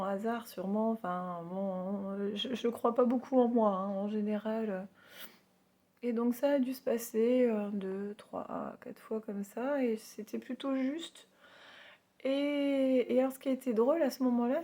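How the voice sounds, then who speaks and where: A woman's voice: a little high, mellow. Nasal woman with a cold, voice giving out. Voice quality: hoarse, worn voice with little power; nasal, congested. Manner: halting, self-deprecating. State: has a heavy cold, voice giving out. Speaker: spiritual medium vlogger. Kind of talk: casual personal storytelling to followers.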